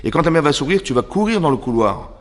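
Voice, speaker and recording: A man with a French accent giving a religious lesson to a women's class as a rabbi, animated and throwing rhetorical questions at his listeners. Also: on the high side, fast, in a large hall. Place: seminary classroom.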